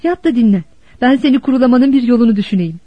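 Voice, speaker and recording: A woman's voice: fairly high pitch, animated, fast talker, no room sound. A woman voicing a worried, determined mother of a poor family, urgent and commanding, on a dull, dry recording.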